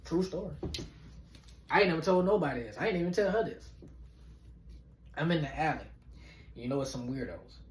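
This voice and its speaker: A man in his late twenties tells a storytime on a podcast, swearing freely and acting out each person in the story. His pitch swings widely as he builds up the drama. The sound carries a roomy echo. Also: fairly quick, pauses often. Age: late 20s. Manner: animated, profane, acts out every character. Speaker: podcast host. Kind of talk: storytime monologue.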